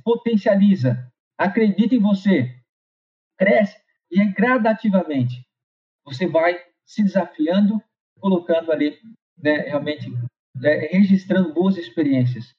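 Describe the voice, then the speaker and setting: Middle-aged paulista man, high voice, motivational speaker, casual repetitive delivery, lo-fi recording. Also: animated, a little slow. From São Paulo, Brazil. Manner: conversational, repeats phrases and tags with "né". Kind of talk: motivational talk with personal anecdote. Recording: slightly dull lo-fi recording.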